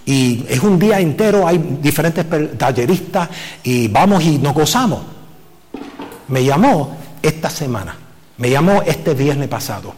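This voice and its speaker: Pastor guy preaching, kinda high voice, lots of questions, church echo. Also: measured pace. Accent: Puerto Rican Spanish from the US Northeast. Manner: animated preaching, rhetorical questions, code-switching with "so". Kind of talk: sermon. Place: church sanctuary.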